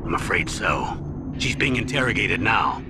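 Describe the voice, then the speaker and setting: A man voicing a grave, regretful military colonel in a video game, speaking in a measured way. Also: deep voice, sing-song, creaky, noisy background, heavily acted. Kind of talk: dramatic video game acting. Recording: loud music behind.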